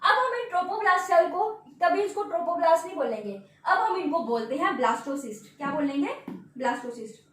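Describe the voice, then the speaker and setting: A very high-voiced woman teaching biology lectures at a board, posing key terms as questions, answering them, and repeatedly checking in with tag words. She speaks fast with few pauses, lively intonation and a fairly bright tone. Heard off-mic from a distance, she is in a strongly echoing room.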